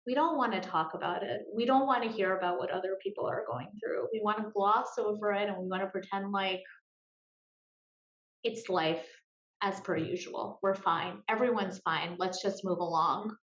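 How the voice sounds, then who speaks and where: A woman speaking earnestly and emotionally as a guest in an interview, with pauses and repeated words. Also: mid-range voice, fairly bright tone. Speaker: guest, grief support group founder. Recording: roomy, dull lo-fi sound.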